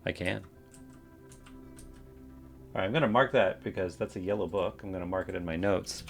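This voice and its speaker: A man's voice: deep voice, moderate pace, vocal fry, soft background music. A man casually commenting on a game he plays, thinking aloud and reading out game text. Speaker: game streamer. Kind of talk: let's play commentary.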